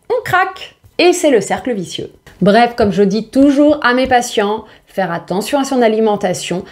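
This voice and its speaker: A woman's voice: a little high, a little mellow. A middle-aged woman dietitian speaking straight to camera, emphatic, with rhetorical questions and playful asides. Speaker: dietitian giving nutrition advice. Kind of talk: direct-to-camera advice video.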